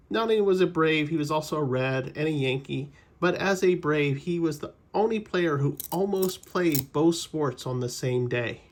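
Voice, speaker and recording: A man with a slightly high voice talks his viewers through a pack opening. He drifts into player trivia and stops to correct himself. The tone stays relaxed and conversational throughout. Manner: chatty, rambling trivia asides with self-corrections. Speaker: card-collecting channel host. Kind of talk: casual pack-opening commentary.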